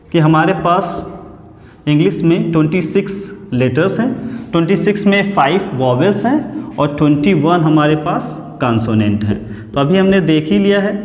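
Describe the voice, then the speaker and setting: A man teaching grammar in a classroom lesson, slow and deliberate, repeating key words and asking rhetorical questions. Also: high-pitched, a little mellow. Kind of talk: classroom lesson, explaining step by step. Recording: echoey classroom with long reverb.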